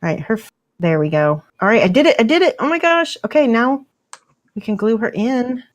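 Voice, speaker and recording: A woman's voice: fairly high pitch, expressive, brisk. Woman chatting on a painting stream, laughs a lot, restarts words. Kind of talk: casual chat while painting on a livestream.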